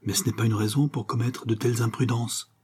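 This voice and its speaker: A man voicing a kind young doctor who scolds gently and tenderly in a storybook reading. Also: mid-range voice, fairly even intonation, brisk, slightly rough.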